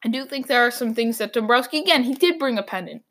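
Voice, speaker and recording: This woman rants frustrated opinions on the sports podcast she hosts, speaking quickly and expressively. Her fairly bright, somewhat high voice is getting hoarse from too much talking.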